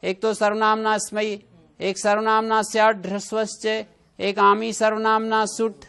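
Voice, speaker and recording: High-voiced man teaching grammar. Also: monotone, a little slow, vocal fry, pushed and bright, smooth. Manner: explains with examples and asks the class questions. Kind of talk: classroom grammar lecture.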